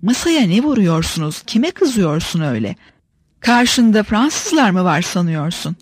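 A woman reading an audiobook, voicing a stern, blunt older woman with a deep, full voice that carries. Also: very animated, measured pace, husky, no room sound, clean studio sound. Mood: scolding.

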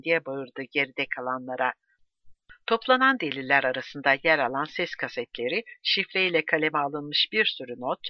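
A man narrating a true crime story with a measured, steady delivery. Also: a little high, dry recording. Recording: dull dry close recording.

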